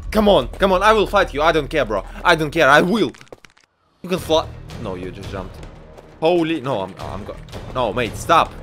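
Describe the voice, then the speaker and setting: Excitable high-voiced man doing game commentary. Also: normal speed, soft background music. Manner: excitable, yelps and repeats words in mock panic. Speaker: gaming channel host. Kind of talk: let's-play commentary.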